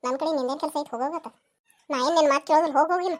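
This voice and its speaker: A sulky little village girl, voiced by a woman, whines and complains in a high, quick voice. She has a North Karnataka Kannada accent and threatens to fetch her mother. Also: lightly acted. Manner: whiny, complaining.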